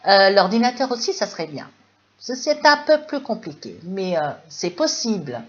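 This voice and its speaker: A woman with a French accent teaching English in a live webinar, lively and full of fillers, reading chat questions aloud. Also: medium pitch, normal speed. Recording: dull lo-fi webinar audio.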